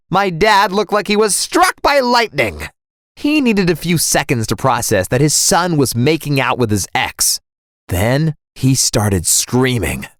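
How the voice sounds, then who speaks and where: Young male narrator, dramatic and expressive, dry booth sound. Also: on the high side, dry recording. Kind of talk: scripted first-person story narration.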